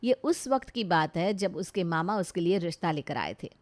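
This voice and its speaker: A woman's voice: lowish voice, animated, moderate pace, no room sound. Brief: woman narrator, matter-of-fact bedtime story, dry studio sound.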